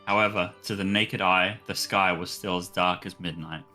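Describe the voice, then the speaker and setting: A man's voice: low-pitched, steady tone, moderate pace, soft background music. Man narrating, choppy gate-clipped word endings. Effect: noise gate cutting off quiet syllables, choppy clipped word endings. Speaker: visual novel reader. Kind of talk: reading game narration aloud.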